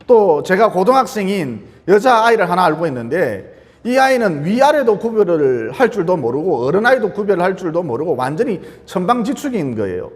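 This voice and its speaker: Male pastor, high voice, sermon, emphatic and repetitive, long hall reverb. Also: very animated, a little fast. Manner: emphatic, repeats phrases, asks rhetorical questions.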